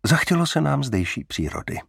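A man's voice: medium pitch, big pitch swings, gravelly, slightly rough, dry recording, studio quality, pitched above the performer's own voice, heavily acted. A man reading an audiobook, voicing a bold, sarcastic young woman who pushes for answers. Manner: pushy, sarcastic, quick with comebacks. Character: sharp-tongued, bold young woman sleuth.

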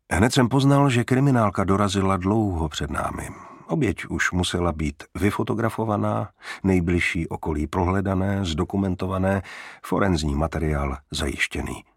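A man narrating a first-person crime novel in a measured, wry way. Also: low voice, husky, no room sound, studio quality. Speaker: audiobook narrator.

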